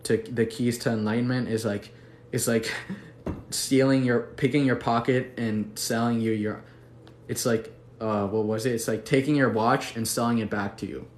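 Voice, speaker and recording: A young livestream host from Mexico City, who later moved to the US, chats casually while reading viewer comments. He is laid-back, slangy and affectionate as he answers them, with a slightly mellow, medium-pitched male voice, fairly even intonation and a moderate pace. The room is echoey, with faint background noise.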